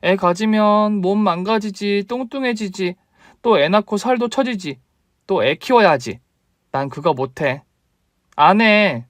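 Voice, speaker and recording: A man's voice: high voice, animated, unhurried, no room sound. A man voicing a selfish, demanding young wife who whines and accuses in a story radio drama. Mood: dismissive. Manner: whiny, accusing, nagging.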